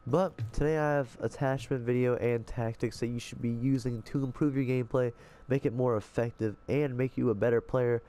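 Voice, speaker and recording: A man's voice: medium pitch, flat delivery, brisk, warm tone. A man with a blocked, congested nose, breathing through his mouth, gives casual, rambling gameplay tips as a voice-over. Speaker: gaming video host. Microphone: voice-over dubbed onto game footage.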